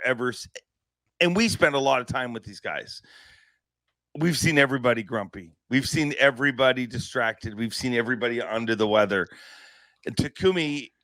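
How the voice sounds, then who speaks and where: A man's voice: mid-range voice, pushed and bright, dry recording. Chatty male podcast host, dry sound. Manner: chatty, laughs easily, trailing restarts. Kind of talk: casual podcast chat.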